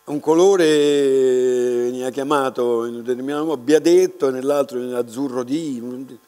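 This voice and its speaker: An older man, an art restorer, giving an unscripted lecture at a lectern, reflective and unhurried, pausing often and restarting his words. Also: medium pitch, warm tone. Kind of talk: slow, unscripted lecture to an audience. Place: large dark lecture hall, standing at a lectern. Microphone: lectern microphone. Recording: reverberant lecture hall with mains hum.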